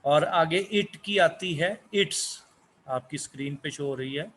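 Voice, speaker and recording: A man whose first language is Urdu, giving a slow English lesson, asking questions and answering them himself. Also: on the high side, a bit bright, a little hiss or hum. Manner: asks questions then answers them, repeats words. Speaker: English teacher.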